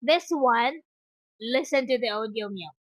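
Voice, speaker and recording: A woman's voice: on the high side, expressive, measured pace, no echo. A woman teaching English one-on-one online, explaining patiently step by step. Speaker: English tutor.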